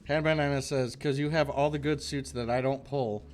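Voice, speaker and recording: Laid-back male streamer host reading chat, mid pitch, noise audible under the mic. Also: fairly even intonation, normal speed. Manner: casual, reads chat comments aloud, stumbles on names. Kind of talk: casual live-stream chat.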